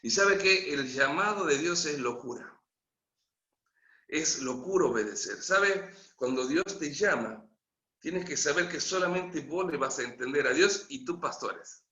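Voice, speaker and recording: Bright, forceful Argentine preacher. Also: male voice, fairly high pitch, a little slow. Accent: Argentine Spanish. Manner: lively, humorous, acts out the story with quoted voices. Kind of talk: storytelling sermon. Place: church. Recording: echoey church hall, dull lo-fi.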